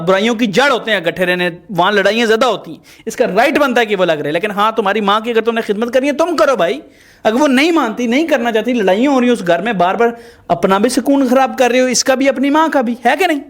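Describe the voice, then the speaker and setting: High-voiced man lecturing a couple. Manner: lecturing, moralizing, emphatic. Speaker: host mediating a couple's dispute. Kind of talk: confrontational reality-show mediation.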